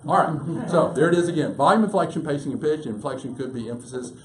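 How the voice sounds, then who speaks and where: A man giving a fast, emphatic business seminar presentation to a live audience in a meeting room. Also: on the high side, lively intonation. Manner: emphatic, rapid, listing points. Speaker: business speaker. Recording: roomy room, faint background hum.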